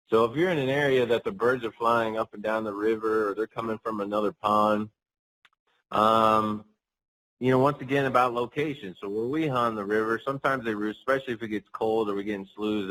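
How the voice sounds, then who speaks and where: A man's voice: fairly low pitch, a bit bright, rough recording. A man speaking as a guest hunting guide, casually explaining technique in an interview.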